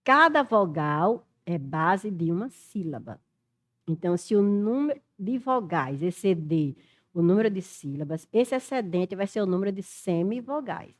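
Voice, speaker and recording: Animated Brazilian woman teaching grammar. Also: medium pitch, measured pace. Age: middle-aged. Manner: animated, thinks aloud, spells letters out. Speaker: Portuguese teacher. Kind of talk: exam-prep lesson, working through questions.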